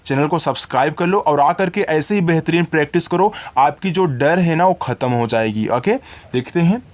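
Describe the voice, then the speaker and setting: A man's voice: a little high, moderate pace. A man teaching beginners to read, patiently spelling out words letter by letter and sound by sound. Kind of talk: phonics lesson for beginners.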